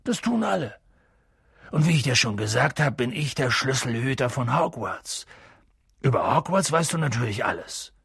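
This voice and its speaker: A narrator voicing a hot-tempered giant male groundskeeper in an audiobook, gruff and booming in his outbursts. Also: big pitch swings, normal speed, fairly bright tone, no echo, clean studio sound, exaggerated voice. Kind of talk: audiobook reading.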